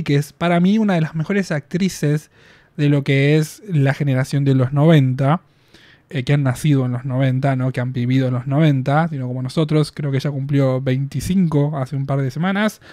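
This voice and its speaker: Seated before shelves crammed with collectibles in a small room, a reaction video host in his twenties speaks with an Argentine Spanish accent. Using a boom-arm studio mic with headphones on, he reviews things casually in a darkish tone with no echo, chatting, laughing readily, and drawing out his fillers.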